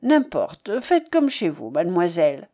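A woman's voice: lowish voice, very animated, unhurried, warm tone, pitched below the performer's own voice. Give me a guarded older banker with curt replies, read by a woman.

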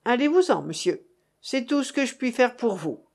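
A woman voicing a pompous old man, a revolutionary judge who blusters loudly, then drops to anxious whispers. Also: extremely high pitch, very animated, normal speed, vocal fry, voice pushed up, heavily acted. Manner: bombastic, swinging between bluster and whispers.

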